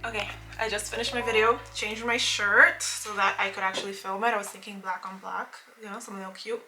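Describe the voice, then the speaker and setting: A woman's voice: mid-range voice, steady tone, a little fast, music in the background, rough recording. A woman in her late twenties talking casually to camera as a vlogger, chatty and rambling with many fillers and restarts. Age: late 20s. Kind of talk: casual vlog chat to camera.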